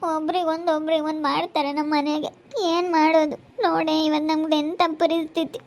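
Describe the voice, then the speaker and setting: An actress playing a distraught young village wife, crying in a slow, drawn-out lament. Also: female voice, high voice, flat delivery, a little hiss or hum. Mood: pleading. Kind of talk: amateur village family drama.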